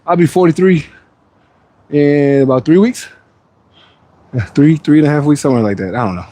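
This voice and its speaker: A man in his forties talks in a relaxed, rambling way, answering chat questions between workout sets. His voice sits a little higher than most men's. It is casual livestream chat. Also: moderate pace. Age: 40s. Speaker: fitness livestreamer.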